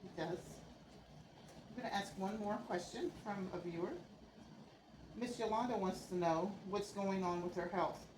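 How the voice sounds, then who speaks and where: A woman's voice: medium pitch, moderate pace, pauses often. A woman acting as interviewer, plainly reading out questions sent in by viewers. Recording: noisy, echoey room, far from microphone.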